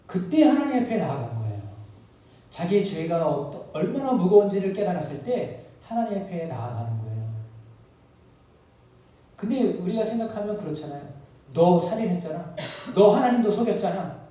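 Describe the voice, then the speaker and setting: A male pastor preaching a sermon. He acts out the quoted voices dramatically and swings between loud and soft. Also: high voice, sing-song, moderate pace. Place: prayer retreat hall. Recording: very echoey hall, mic at a distance.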